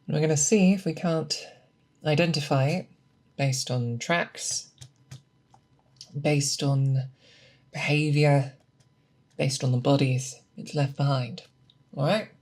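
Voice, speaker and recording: Calm and focused, this performer takes on the role of a patient, methodical monster hunter mentoring an apprentice in a scripted ASMR roleplay monologue. The medium-pitched voice stays steady with a darkish tone, speaking deliberately and coaxing with questions.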